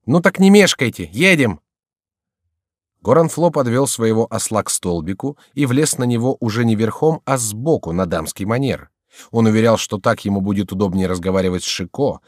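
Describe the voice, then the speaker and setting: A man narrating an audiobook in an expressive, scripted reading. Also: fairly low pitch, brisk, no room sound, studio quality.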